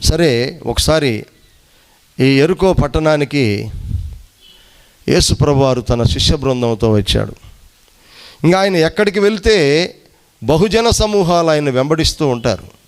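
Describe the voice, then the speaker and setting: A male pastor preaching emphatically, repeating phrases and swinging his voice between high rises and low drops. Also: animated, unhurried, pauses often. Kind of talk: sermon.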